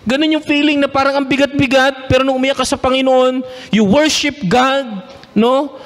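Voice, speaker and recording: A man's voice: very high-pitched, steady tone, normal speed, a bit bright, long reverb tail. A man preaching a sermon, mixing in English and often asking the congregation for responses.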